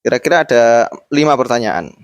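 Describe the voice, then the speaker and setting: A man's voice: mid-range voice, animated, brisk, no echo, highs cut off. Young man from Boyolali joking as host. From Boyolali, Central Java. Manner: playful, jokey, mixes in Javanese words. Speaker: host interviewing classmates. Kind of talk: casual school interview chat.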